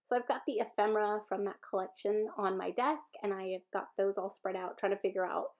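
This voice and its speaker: A woman's voice: mid-range voice, brisk. Stuffy-nosed Southern woman, chatty craft voice-over, rambling, slightly muffled recording. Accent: Southern American. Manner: chatty, rambling with fillers and self-corrections. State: stuffy-nosed from a sinus infection. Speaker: scrapbooking video creator.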